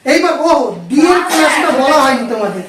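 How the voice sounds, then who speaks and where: A man with a high voice leads a classroom grammar lesson. He drills his students with repeated questions and spells words out letter by letter. He is heard from across an echoey classroom. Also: animated, brisk, fairly bright tone, distant mic, a little hiss or hum. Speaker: English grammar teacher.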